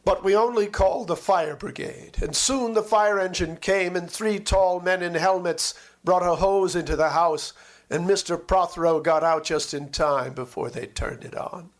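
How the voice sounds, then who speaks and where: A man narrating a literary memoir expressively, with measured, dramatic phrasing and lingering words. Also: high voice.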